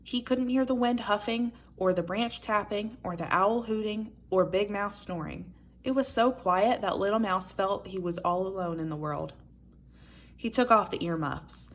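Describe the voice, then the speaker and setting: Here an expressive woman storyteller reads a children's picture book aloud in a mid-range voice at a moderate pace.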